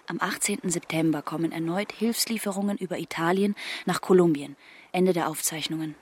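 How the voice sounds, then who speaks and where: Willful haunted young woman, twenties: low-set voice, cryptic, flat delivery, slips into whispers. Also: brisk, breathy edge. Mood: odd, fixated. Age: 20s. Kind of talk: radio play acting.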